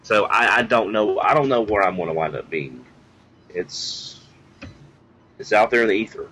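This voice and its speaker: Man in his 40s, very low but bright voice, hesitant and thoughtful. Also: moderate pace, slight background noise, poor audio. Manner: reflective and hesitant. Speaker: guest. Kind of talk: casual group chat.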